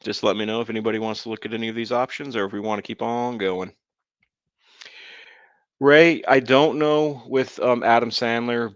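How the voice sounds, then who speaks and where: A man streams a game, chatting casually with his viewers and laughing often in live-stream commentary. His voice is lowish and a bit bright. The sound is dry, dull and lo-fi.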